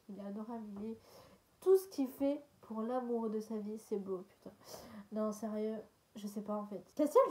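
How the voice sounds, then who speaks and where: A woman's voice: mid-range voice, dark tone. A young woman chatting casually as she answers viewer questions, hesitant and full of fillers and small laughs. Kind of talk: casual chat.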